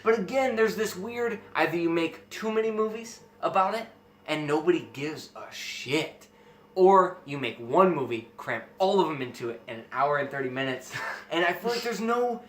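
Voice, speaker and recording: The host of a film review show chats casually about a movie, speaking with emphasis and enthusiasm. His voice is on the high side, expressive and a bit bright, at normal speed. The recording has a roomy echo and faint background noise.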